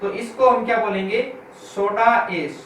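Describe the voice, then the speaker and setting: A man's voice: high voice, fairly bright tone. Male chemistry teacher in an echoey room. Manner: asks the class questions and answers them himself, slowly repeating key terms; reads English textbook lines slowly, word by word. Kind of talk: classroom lecture. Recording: echoey room from far off, with faint noise.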